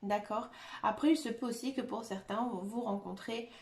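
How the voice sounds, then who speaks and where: A woman giving a tarot reading to her viewers, talking gently and hesitantly with many filler sounds. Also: fairly high pitch, steady tone, normal speed, creaky. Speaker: tarot card reader. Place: room at home, dog nearby. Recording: echoey room with faint noise.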